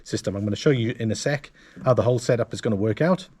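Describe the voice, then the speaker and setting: A man presenting a casual gear walkthrough to camera, explaining things in a halting, self-correcting way. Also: lowish voice, a little mellow, slightly rough, no room sound, clean studio sound. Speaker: motovlogger and presenter.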